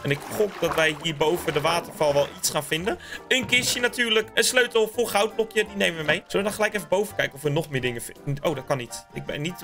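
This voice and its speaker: Excitable gaming host, bright high voice, chatty with his viewers, faint music underneath. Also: vocal fry. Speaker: gaming YouTuber. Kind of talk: Minecraft let's-play commentary.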